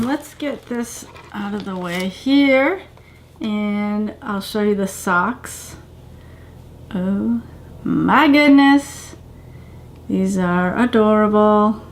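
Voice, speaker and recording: A middle-aged vlogger with a medium-pitched, slightly bright voice speaks slowly as she unboxes a subscription box on her living room couch, mixing gushing exclamations with ordinary comments. Some faint hiss or hum is audible.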